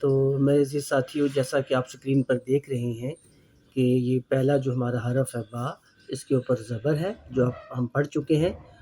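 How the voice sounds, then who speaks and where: A man teaching Quran reading in an online lesson. He explains step by step and repeats syllables slowly and patiently. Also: medium pitch, mellow, echoey room. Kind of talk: online lesson, slow drilled letter sounds.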